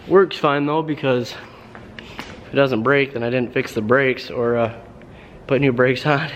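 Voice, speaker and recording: A young man talks through his car work in a relaxed, rambling way, full of ums and trailing sentences. His voice sits at an ordinary middle pitch and comes through dull, lo-fi audio with a faint hiss behind it. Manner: laid-back, rambling, many fillers. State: out of breath. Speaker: car vlogger. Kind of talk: casual garage vlog. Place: garage by a car, then outdoors in wind.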